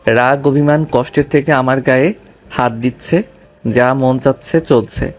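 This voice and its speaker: Guy voicing a steady young husband, firm but gentle, audio drama, medium pitch. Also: measured pace, soft background music, close to an everyday voice. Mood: confident. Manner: calm, firm, gentle with his child. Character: calm young husband and devoted father. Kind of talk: Bengali audio drama acting.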